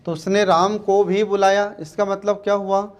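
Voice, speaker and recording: A man teaching an exam-prep grammar lesson, going slowly, repeating words and often checking that students follow. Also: sits high, level tone.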